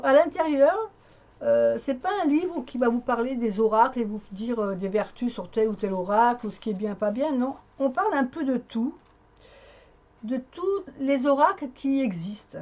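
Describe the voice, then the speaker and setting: A woman's voice: high-pitched, mellow, lo-fi sound. A woman vlogger chatting casually to her viewers, with lots of hesitant fillers and restarts. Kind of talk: casual chat.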